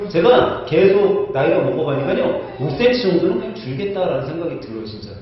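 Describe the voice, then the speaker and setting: Animated high-voiced male pastor preaching. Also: brisk. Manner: animated, conversational, asks the congregation questions. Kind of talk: sermon. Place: church sanctuary. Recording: echoey church hall, distant mic, dull.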